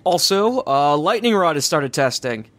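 A man co-hosting a casual chat, upbeat and quick to laugh, with frequent fillers. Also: on the high side, big pitch swings, fairly bright tone, dry recording. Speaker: podcast co-host.

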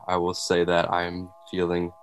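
A man's voice: low voice, completely flat delivery, a little slow. A man hosting an investigative podcast in a scripted narration style. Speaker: podcast host. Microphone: video call.

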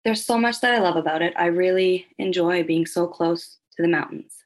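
A woman from Nova Scotia, a hypnotherapist guest on a podcast, explaining her work in a calm, earnest way. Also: on the low side, normal speed, poor audio. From Halifax, Nova Scotia, Canada. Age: adult with children. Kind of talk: podcast interview.

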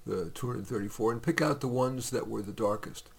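A male author reading his short stories on a podcast, relaxed and conversational. His voice has a gravelly, husky grain, and he drops in the odd filler between lines. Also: medium pitch, a little fast.

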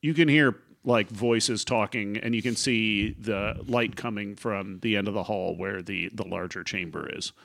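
A man's voice: fairly low pitch, gravelly, fairly bright tone. A man improvising narration as game master of a tabletop role-playing game, often searching for his words. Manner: halting, searching for words as he describes scenes.

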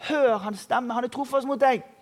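Animated male pastor preaching. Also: extremely high pitch. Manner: energetic, humorous preaching with rising emphasis. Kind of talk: sermon. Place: church hall.

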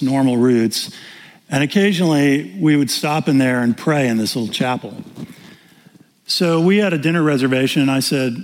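Older male pastor in a reverberant hall. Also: medium pitch. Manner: animated storytelling, acting out dialogue with humor. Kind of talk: sermon with personal story.

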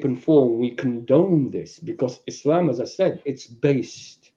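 A man with a London accent explaining a religious principle on a podcast in lecture style, with animated asides. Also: mid-range voice, highs cut off. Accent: London English. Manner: animated, acts out voices in his examples, fast asides. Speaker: Islamic speaker, podcast guest.

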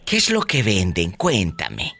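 Man, Mexican accent, radio host, playful theatrical gasps, husky edge. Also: sits low, wildly swooping pitch, measured pace, pushed and bright. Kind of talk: flamboyant radio call-in show.

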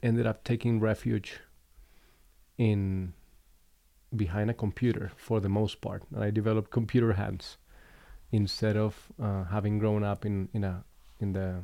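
A man from Colombia hosting a relaxed conversation, speaking reflectively with frequent pauses and restarts. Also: fairly low pitch, creaky, no room sound. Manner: reflective, unhurried, with fillers and restarts. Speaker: podcast host. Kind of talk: casual conversation.

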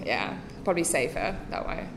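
A young South African woman with a South African accent, chatting casually as a podcast guest and often filling pauses with "um". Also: low-pitched, sing-song, vocal fry, a little hiss or hum. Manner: chatty, many fillers.

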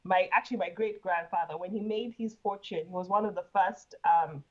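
A woman's voice: on the low side, brisk, dull audio. A woman from Uganda, a guest in an interview, talking casually and laughing often, with frequent repeated words.

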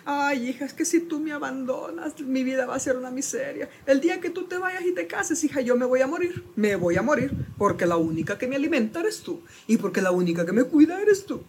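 A woman's voice: high-pitched, lively intonation, a little fast, few pauses, darkish tone, a little hiss or hum, pitched above the performer's own voice. A woman doing a clinging, guilt-tripping mother. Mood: pleading. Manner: pleading, melodramatic.

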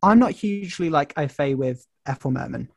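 A man's voice: on the high side, animated, brisk, creaky. A man hosting a casual film podcast, chatting and musing with frequent restarts.

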